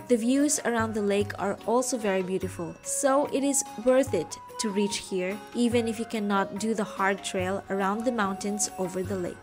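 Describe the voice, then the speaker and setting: Upbeat woman hiking vlogger. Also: mid-range voice. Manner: upbeat, explanatory, gives practical tips. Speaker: travel vlogger. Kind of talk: travel vlog, narration and on-camera talk. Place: outdoors, parking lot and mountain trail.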